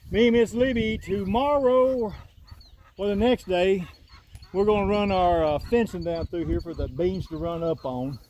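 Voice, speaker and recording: An older man with a Southern drawl, from the Southern US, walks his rural garden with a selfie-stick phone, chatting in a folksy, meandering way for a casual vlog. His high-pitched voice has a darkish tone, and a little hiss or hum can be heard.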